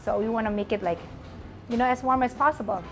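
A young woman from Indonesia, speaking English with an Indonesian accent, tells how she came to open her restaurant. Her slightly high voice moves along with frequent ums and uhs. Faint music runs underneath. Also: fast talker. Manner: relaxed storytelling with hesitant fillers. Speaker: restaurant owner. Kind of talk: interview. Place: restaurant dining room, indoors.

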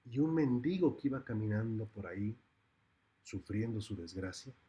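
A man's voice: on the low side, expressive, normal speed, warm tone, muffled recording. A man with a Mexican Spanish accent, a criminal law lecturer who tells a story in a colloquial, playful way, adding sound effects.

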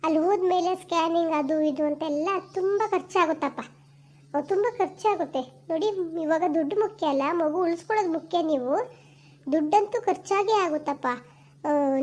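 A woman playing a brisk village doctor. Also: very high-pitched, darkish tone. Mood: insistent. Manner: urgent, insistent, repeats instructions. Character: brisk female village clinic doctor, firm. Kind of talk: amateur village skit acting.

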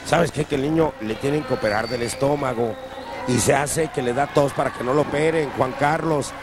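A Mexican man giving chatty, colloquial wrestling commentary with shout-outs. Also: mid-range voice, a little fast. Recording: very noisy old TV arena recording.

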